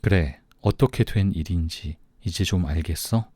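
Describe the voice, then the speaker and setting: A man voicing a soft-hearted, newly engaged young man in an audiobook, speaking gently and plaintively. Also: low voice, moderate pace, husky, no echo, clean studio sound.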